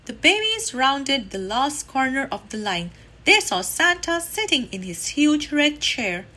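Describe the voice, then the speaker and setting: A woman reading a children's picture book aloud in an expressive, animated way. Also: high voice, measured pace. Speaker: storybook reader.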